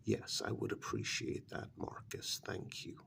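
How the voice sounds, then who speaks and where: In a soft-spoken ASMR role-play, a man lightly acts a blunt, put-upon vampire counselor. Breathy and often close to a whisper, he speaks in a halting, formal way, sounding exasperated and defensive.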